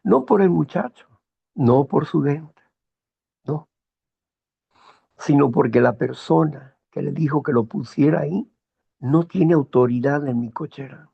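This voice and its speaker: A man hosting a morning talk program, speaking in a slow, measured, moralizing monologue with personal anecdotes. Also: on the high side, gravelly, husky, muffled recording. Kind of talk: reflective monologue.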